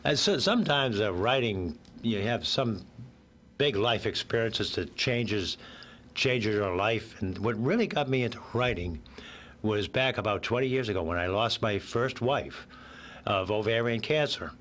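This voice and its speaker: Hoarse from a cold, an older man with a fairly low, fairly bright voice guests on a radio interview. He speaks unhurriedly and expressively, rambling a bit and laughing at his own jokes.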